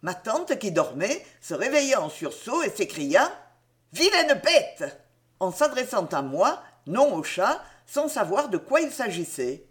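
A woman narrating a classic novel in an expressive storytelling voice. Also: mid-range voice, a little slow, hardly any pauses.

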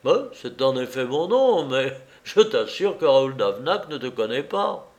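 Man voicing a gallant, teasing gentleman thief in a slow audiobook read. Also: medium pitch, very animated. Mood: sly. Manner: gallant, playful. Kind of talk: audiobook reading.

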